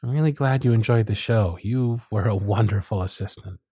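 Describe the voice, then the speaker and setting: In an ASMR romance roleplay, a man plays a charming, gentle circus magician who is smitten yet privately anxious, with intimate inner monologue. His fairly low, husky voice moves briskly but stays soft, tender and flattering, warm and charming, with hushed asides. The studio-quality recording has no room sound.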